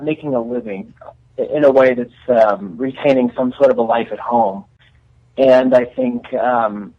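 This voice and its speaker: A man's voice: medium pitch, muffled recording. A young man, a band musician, answering interview questions in an earnest, thinking-aloud way.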